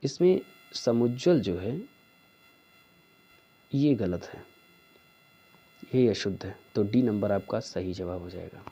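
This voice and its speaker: A man teaching a spelling lesson for exam preparation, going slowly through each answer and checking in with "theek hai". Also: on the low side, lively intonation, mellow. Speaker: Hindi teacher.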